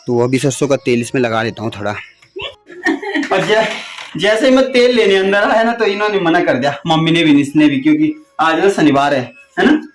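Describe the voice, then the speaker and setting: A man's voice: on the high side, expressive, moderate pace, soft background music. A young man, rambling casually about home and village life in his vlog. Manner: chatty, rambling, laughs at himself. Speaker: vlogger.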